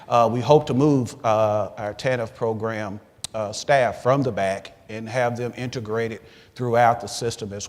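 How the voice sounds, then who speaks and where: Man with an Arkansas accent, echoing hall. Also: mid-range voice. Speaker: conference panelist. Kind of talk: prepared panel remarks to an audience. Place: large conference hall. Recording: reverberant hall PA sound.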